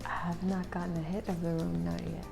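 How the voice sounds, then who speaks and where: Casting: female co-host, lowish pitch, gravelly fry, informal review talk, music clearly playing underneath. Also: little pitch movement, brisk. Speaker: co-host of a pipe tobacco review. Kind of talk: casual review chat. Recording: music clearly heard behind the voice.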